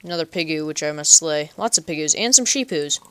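A man's voice: a little high, animated, fairly quick, sharp tone, clear, resonant tone. A man giving casual, chatty let's play commentary, talking to himself playfully and making up goofy nicknames for animals. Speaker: gaming channel host.

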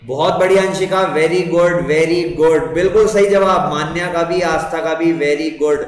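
A man's voice: fairly high pitch, steady tone, a little slow. A young man with an Indian English accent teaching a live online computer class, repeating questions and praising students' answers. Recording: echoey room with faint noise.

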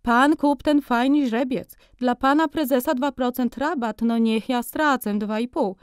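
A woman's voice: sits high, measured pace, clear, resonant tone, no echo, studio quality, pitched above the performer's own voice. Woman doing a fawning, pushy male furrier. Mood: wheedling. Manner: wheedling salesman patter in broken grammar.

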